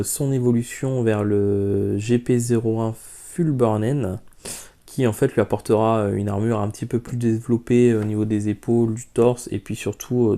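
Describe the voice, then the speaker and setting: A man's voice: on the low side, creaky, mellow. A man hosting a casual unboxing vlog, talking frankly about a model kit with lots of hesitations. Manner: chatty, many hesitations, frank opinions. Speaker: YouTube model-kit reviewer.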